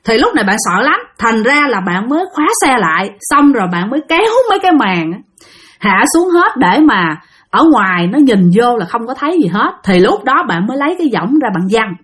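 A woman's voice: a little high, sing-song, a little fast, a bit bright. A woman with a Southern Vietnamese accent, narrating a ghost story in a chatty way and talking straight to her listeners. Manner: chatty, addresses listeners directly, acts out quotes.

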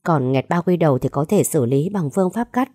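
A composed young doctor in a storybook, voiced by a woman narrator, speaking calmly and reassuringly. The tone is low and warm, with a dry, close sound. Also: a little fast, husky, dry recording. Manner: calm, reassuring.

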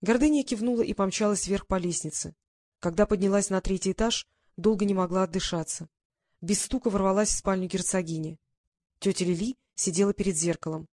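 A woman reads a romance novel aloud as an audiobook narrator, calm and even. Her voice sits at an ordinary middle pitch. The recording is dry and close, with no room sound. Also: fairly quick, dry recording.

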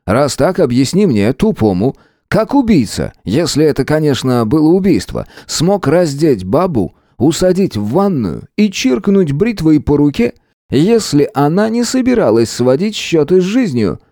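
A man voicing a sarcastic, dismissive male police department chief with a mocking, sharp-tongued manner in an audiobook. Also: a little high, big pitch swings, normal speed, no echo, studio quality, voice pushed up. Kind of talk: audiobook character voice.

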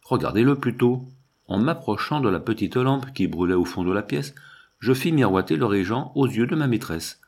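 A man narrates a novel in the first person, measured and expressive. His voice sits low and husky, and the melody swings widely as he tells the story. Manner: measured, expressive storytelling, slow at chapter headings. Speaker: audiobook narrator.

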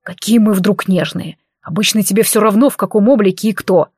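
A woman's voice: medium pitch, a little fast, slightly rough, dry recording, natural voice. Lady reading as a grumpy werewolf guy, growly, dry close mic. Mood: sulky. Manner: growling, barking shouts. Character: hulking furious male werewolf, gruff.

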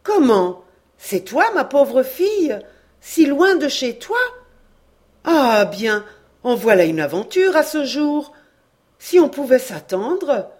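A woman reading a novel aloud, voicing an elderly village matriarch who exclaims loudly. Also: high voice, big pitch swings, slow pace, voice pushed up, heavily acted. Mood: surprised, protective. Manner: loud, exclaiming, emotional. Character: elderly woman, dean of the village, protective and warm-hearted.

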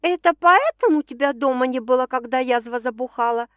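A woman's voice: high-pitched, brisk, a bit bright, clean tone, dry recording, voice pushed up. A woman voicing a wry, skeptical young woman who jokes with her friends, in a dry recording.

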